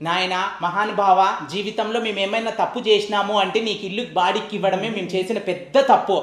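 A nervous landlord who shakes at the thought of confrontation, played by a man. He talks fast and anxiously in a raised, high voice, pleading more than demanding. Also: steady tone, a bit bright. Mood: fretful. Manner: fretful, pleading. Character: timid, nervous landlord trembling with fear. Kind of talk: comedy sketch acting.

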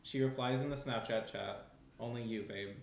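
A young man with a gravelly, mid-range voice reads scripted screenplay narration as the narrator, at a moderate pace and with fairly even intonation. He sits at a round table in a small indoor room, speaking into a shared desk microphone. The recording has a roomy echo and faint noise.

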